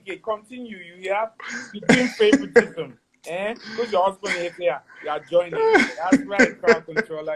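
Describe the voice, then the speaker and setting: A man's voice: high voice, rough recording. A man hosting a casual chat show, teasing his guest and laughing often. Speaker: talk show host.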